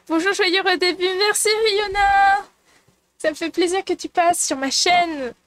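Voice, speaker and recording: A woman's voice: very high-pitched, unhurried, a bit bright. A woman streamer chatting casually and playfully with her viewers, giggling and teasing the chat.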